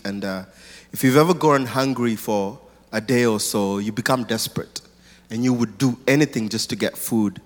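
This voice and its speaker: A man from Kenya, a guest speaker telling his life story earnestly and thoughtfully in church. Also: mid-range voice. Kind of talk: personal testimony in church. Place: large church auditorium. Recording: long hall reverb.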